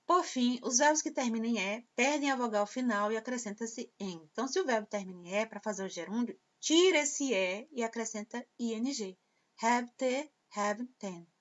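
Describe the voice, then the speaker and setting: A woman's voice: a little high, animated. Patient woman teaching English grammar. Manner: slow and patient, repeats example phrases in English then translates. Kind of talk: explaining grammar to students. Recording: dull lo-fi sound.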